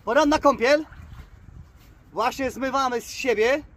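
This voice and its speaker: A man vlogging outdoors by the water, excitedly coaxing his pet bird and calling its name. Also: very high-pitched, unhurried. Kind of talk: casual outdoor vlog.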